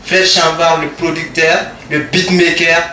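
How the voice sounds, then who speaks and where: A man's voice: on the high side, level tone, measured pace, bright, forceful tone, distant mic, slight background noise. A man hosting a radio interview, often echoing his guest's answers back with hesitant fillers. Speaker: radio host. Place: radio studio.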